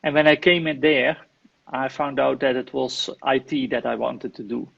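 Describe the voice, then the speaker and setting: Speaking English with a Dutch accent, a man from the Netherlands who works as an IT manager and property investor joins a live online interview via video call, hesitating often with fillers and restarts. His voice is medium-pitched, creaky and breathy, with little pitch movement at a moderate pace, and the recording is muffled.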